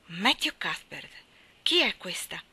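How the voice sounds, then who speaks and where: A woman voicing a brisk, stern middle-aged farm woman who speaks curtly and exclaims sharply in an audiobook reading. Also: mid-range voice, animated, bright, forceful tone, heavily acted. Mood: indignant. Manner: curt, exclaiming.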